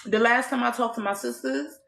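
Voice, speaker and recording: Her voice is a little high, gravelly and fairly bright, and she speaks fairly quickly in a reverberant room. This Trinidad-born woman with an American accent tells her own story to camera in a raw, blunt, candid manner, swearing and laughing wryly.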